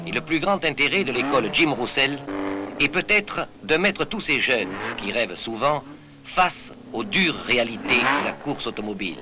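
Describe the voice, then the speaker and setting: Formal 1960s newsreel narrator with hiss. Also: male voice, mid-range voice. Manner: measured, formal. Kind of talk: scripted news narration. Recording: hissy 1960s film soundtrack.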